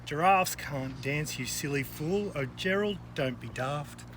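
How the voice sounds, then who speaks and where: A man voicing boisterous storybook jungle animals in an excitable, exclaiming manner. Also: a little high, a little slow. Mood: mocking. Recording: outdoor recording with background noise.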